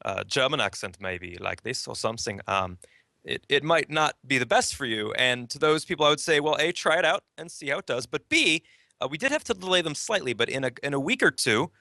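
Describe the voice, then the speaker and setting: A man talking as a game developer guest in a casual interview, animated and explaining. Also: fairly high pitch, brisk, dry recording, clean studio sound.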